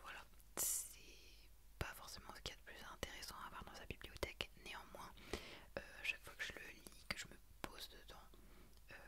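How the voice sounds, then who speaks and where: A young adult woman talks about books in a hushed, breathy library-style ASMR whisper, pausing hesitantly as she goes. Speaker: ASMR creator. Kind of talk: whispered ASMR book chat.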